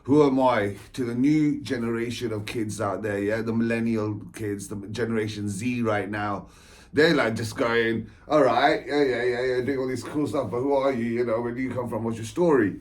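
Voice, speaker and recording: A man's voice: medium pitch, fairly even intonation, normal speed. A man, an author talking through his life story in a rambling, chatty way, laughing often and repeating himself. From England. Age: 40s. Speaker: author and spiritual coach. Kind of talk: rambling personal monologue.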